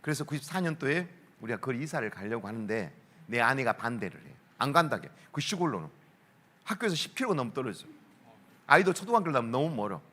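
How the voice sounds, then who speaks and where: A man's voice: mid-range voice, fast talker. A man, a school principal telling stories at a worship concert, acting out voices and laughing often. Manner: lively storyteller, acts out quoted voices, laughs often. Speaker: school principal giving a talk. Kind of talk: storytelling talk at a worship concert.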